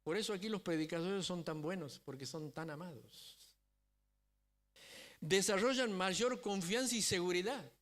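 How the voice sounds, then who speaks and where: A man's voice: high-pitched, normal speed, fairly bright tone. A man preaching a sermon as a pastor, telling a story and often checking in with the congregation. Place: church.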